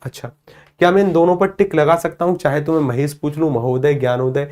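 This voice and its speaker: A male teacher explains grammar to camera from a board, and his voice sits a little on the high side. He keeps a playful, teasing manner and often stops to check that his students are following. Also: steady tone, fairly quick, darkish tone. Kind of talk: online grammar lesson to camera.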